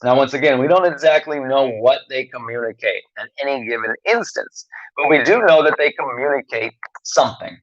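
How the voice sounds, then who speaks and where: A man giving a recorded lecture, speaking slowly with long pauses and frequent fillers. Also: medium pitch, lo-fi sound. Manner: slow, pausing delivery with many fillers.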